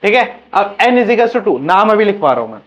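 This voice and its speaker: A man's voice: sits high, big pitch swings, normal speed. A man teaching a chemistry class, asking questions and repeating the answers for students to drill. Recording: muffled lo-fi classroom recording.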